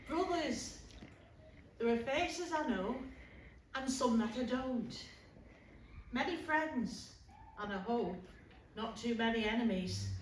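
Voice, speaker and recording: An actress performs a monologue as a rousing working-class suffragist, giving an emphatic rally speech with deliberate pauses before a live audience in a public hall. Her voice is on the high side, and the mood is warm and earnest. The recording is roomy, distant, and noisy.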